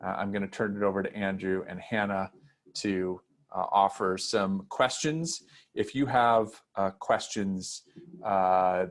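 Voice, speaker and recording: A man hosting an online event, handing over to the interviewers with hesitant, filler-laden speech over a video call. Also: lowish voice. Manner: hesitant, filler-heavy handover. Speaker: host introducing a guest. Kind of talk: event introduction.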